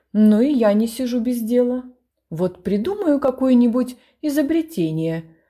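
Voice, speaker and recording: A woman voicing a fussy retired captain and father who talks loudly and rambles. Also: on the high side. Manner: loud, blustering, rambling.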